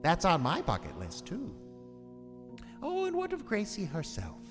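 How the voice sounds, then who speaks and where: A man's voice: high voice, wildly swooping pitch, measured pace, heavily acted. A man playing a gleefully macabre warlock horror host, narrating in a theatrical, savoring, sardonic way. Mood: sardonic relish. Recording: long reverb, music behind.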